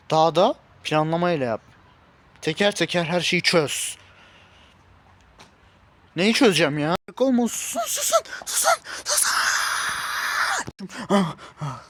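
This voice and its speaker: A fairly high-voiced man performing his own homemade drama. He talks to himself, calling out in a frantic rush and then coaxing himself back to calm in hushed tones. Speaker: YouTube series creator playing himself as an agent.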